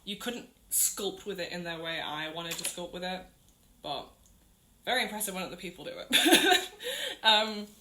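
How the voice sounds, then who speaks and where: A young woman narrating her crafting voiceover in a loose, rambling, self-deprecating way, her voice bright and forward. The sound is low quality, picked up on wireless earbuds, with a roomy, echoey ring around every word. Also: expressive, moderate pace, slight background noise. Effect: low-quality audio from earbud mic. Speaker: crafting channel host.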